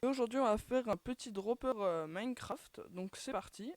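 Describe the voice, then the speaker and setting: A woman's voice: on the high side, moderate pace, a little mellow, dry recording. A woman hosting a gaming channel, chatting casually through her gameplay with lots of fillers and restarts, and groaning at each failed attempt. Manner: chatty, filler-heavy, keeps sighing "too bad" at failed attempts.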